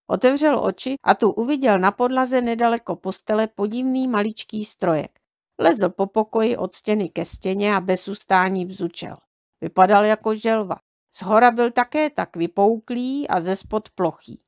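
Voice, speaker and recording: Woman narrator, storybook reading, calm and measured, dry close sound. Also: mid-range voice, no echo. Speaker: audiobook reader.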